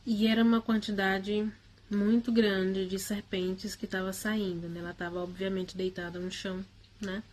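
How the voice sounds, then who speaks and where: A woman's voice: medium pitch, level tone, normal speed, darkish tone. A woman casually recounting a personal spiritual experience in the first person. She speaks hesitantly, with frequent tag questions and restarts.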